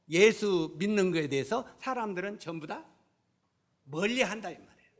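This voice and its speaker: A man's voice: extremely high pitch, sharp tone. A middle-aged man, preaching a sermon and often putting questions to the congregation, then answering them himself.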